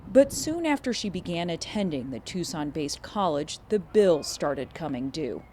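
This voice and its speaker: Woman reporter narrating an investigative exposé, lowish voice. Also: big pitch swings, normal speed, darkish tone, slight background noise.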